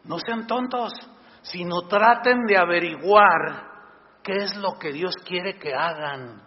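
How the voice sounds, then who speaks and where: A pastor preaches with a high, lively voice that climbs even higher when he acts out what others say. The sound is dull and muffled, and a long reverb from a large church hall trails after each phrase. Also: slow pace. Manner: animated, acts out quoted voices in a higher pitch. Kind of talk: sermon.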